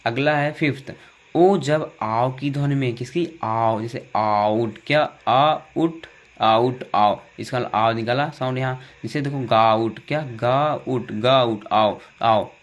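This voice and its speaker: A young man with a Hindi accent teaches English vowel sounds in a drilling, repetitive way. He asks a question and answers it himself in the same breath. His voice sits at an ordinary middle pitch for a man. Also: steady tone, measured pace.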